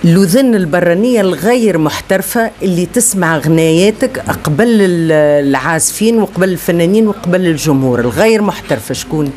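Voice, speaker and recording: A woman's voice: lowish voice, expressive, quick pace, hardly any pauses, a little mellow, a little hiss or hum. A woman with a Tunisian accent interviewing a singer, asking friendly, direct questions.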